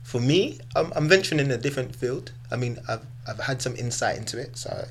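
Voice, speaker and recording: A man's voice: mid-range voice, expressive, a little fast, slightly rough. A man with an urban London street accent, answering casually as a podcast guest, emphatic and often checking he is understood. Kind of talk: casual conversational interview answers.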